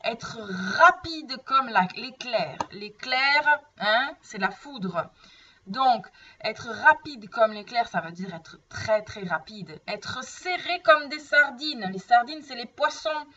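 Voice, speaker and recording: Unhurried woman teacher, distant dull recording. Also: a little high, animated, pushed and bright. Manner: slow, patient explaining, often checking "d'accord?". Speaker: French teacher. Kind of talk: grammar lesson.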